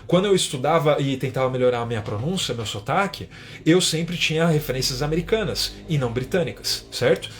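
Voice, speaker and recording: A man's voice: a little high, expressive, fairly quick, faint music behind. A man from Brazil with a São Paulo accent, teaching English in a live stream and talking casually, often tagging his sentences with little checks for agreement. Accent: São Paulo Portuguese. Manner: chatty, keeps adding tag questions.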